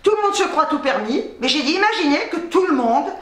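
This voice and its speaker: A woman vlogger chatting casually to camera, swearing freely as she tells animated stories. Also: high-pitched, a little fast, reverberant.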